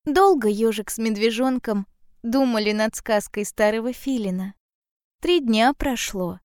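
A woman narrates a fairy tale in a calm, measured way, taking her time over every phrase. Her voice sits a little high, and the sound is close and dry. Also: smooth, no room sound. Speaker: storyteller.

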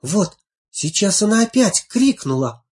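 A woman voicing a grieving mother in a storybook reading, speaking low, quiet and insistent. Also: big pitch swings, unhurried, husky.

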